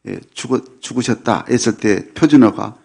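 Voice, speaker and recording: A middle-aged man preaching a Sunday sermon in a church. He talks at an easy, unhurried pace, drops in little affirming "yes" fillers, and keeps things light with gentle humor. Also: medium pitch, gravelly, husky. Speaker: pastor. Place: church sanctuary.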